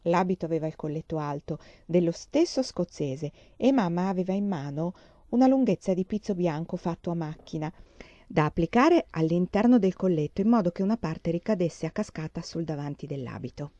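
A woman reading a storybook aloud in a calm, measured narration. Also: on the low side, dry recording, lo-fi sound. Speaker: audiobook reader.

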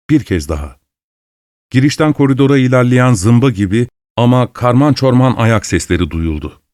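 Low-voiced man reading a story. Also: darkish tone, no echo, clean studio sound. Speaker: narrator. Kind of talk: storybook narration.

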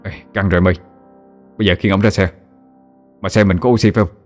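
A steady older medic gives urgent, clipped orders, as a deep-voiced male narrator puts him on. His low voice stays even, with soft music underneath. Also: fast, natural voice.

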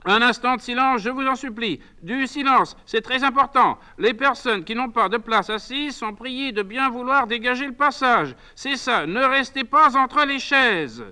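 A fussy, excitable old man hosting a crush of guests, as a man reading his play acts him out. He urges and pleads loudly in a very high, crisp voice. The style is dramatic stage reading. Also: normal speed, hardly any pauses, heavily acted. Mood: pleading. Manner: urgent, loud pleading to a crowd.

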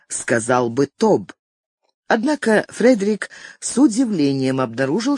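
Slow, expressive audiobook narrator, dry sound. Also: medium pitch, husky, no room sound. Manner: slow, measured, expressive reading.

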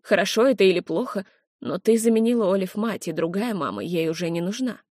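A woman voicing a wise, gentle older mentor who speaks calmly and reassuringly. The sound is dry and close, as in an audiobook. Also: medium pitch, a little fast, no echo, natural voice.

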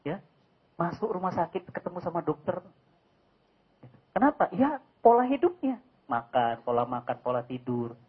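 Husky animated male preacher, lo-fi. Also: high voice, normal speed. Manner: animated, joking, asks rhetorical questions. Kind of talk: lively sermon. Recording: dull lo-fi recording.

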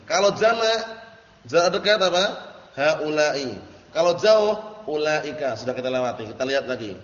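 A man teaching an Arabic grammar lesson in a classroom, patiently checking that his students understand. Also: a little high. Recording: echoey lo-fi classroom recording.

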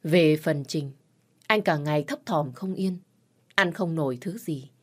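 A woman tells a dramatic family story in an earnest, measured storyteller's voice. Her tone sits fairly low with a breathy, husky grain. She keeps the narration steady and serious.

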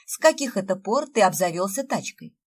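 A woman's voice: medium pitch, very animated, brisk, slightly rough. A woman reading an impatient young journalist. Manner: impatient, eager, sharp.

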